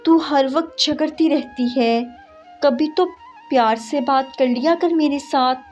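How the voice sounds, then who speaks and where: Woman reading a meek village husband in a storybook tale, soft and pleading, higher-pitched, over faint music on dull audio. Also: close to an everyday voice. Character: poor gentle village husband, adult man.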